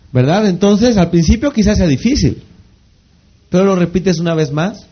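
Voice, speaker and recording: A man's voice: fairly high pitch, slightly rough. A man giving a motivational training talk on network marketing, repeating phrases for emphasis and constantly asking the audience rhetorical questions that he answers himself. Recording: slightly dull lo-fi recording.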